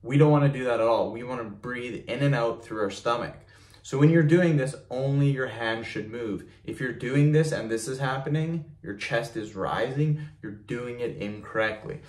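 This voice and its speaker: Filmed head and shoulders by a camera mic right in front of him, a young fitness vlogger talks loosely in his small home gym, stumbling through ums and repeated words. His mid-range voice has a darkish tone and moves at normal speed.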